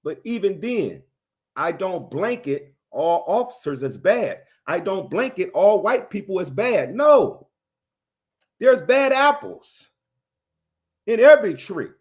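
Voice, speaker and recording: A man with a high-pitched voice delivers animated commentary to his viewers. He is emphatic and insistent, circling back to the same phrases to drive each point home. His energy stays up throughout. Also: takes it slowly, breathy edge. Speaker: commentator on a livestream.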